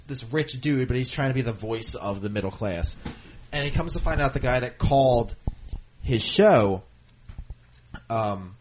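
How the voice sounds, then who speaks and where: Laid-back man with a lively voice. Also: medium pitch, a little hiss or hum. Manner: easygoing, laughs often, asks questions. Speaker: podcast co-host. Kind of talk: casual chat.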